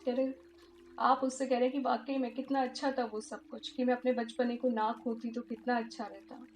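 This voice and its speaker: Woman leading a soft, emotive meditation. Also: fairly high pitch, little pitch movement, normal speed, soft background music. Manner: soft, emotive, often drops to a hush. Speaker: meditation teacher. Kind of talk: guided meditation.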